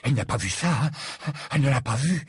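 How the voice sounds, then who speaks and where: Un homme jouant Ron, ado amoureux transi et geignard. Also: male voice, mid-range voice, lively intonation, quick pace, husky, dry recording, clean studio sound, pitched above the performer's own voice. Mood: feverish.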